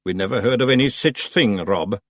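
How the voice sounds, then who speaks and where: A man voicing a plain-spoken, grumbling big Feegle with a Scottish accent in an audiobook, slow and blunt. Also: on the low side, dry recording, studio quality, close to an everyday voice. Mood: doubtful.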